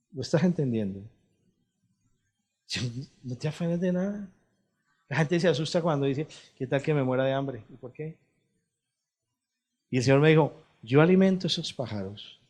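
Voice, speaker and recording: Preaching a sermon as pastor, a man shifts from quiet, low passages to loud, high appeals and puts questions to his listeners.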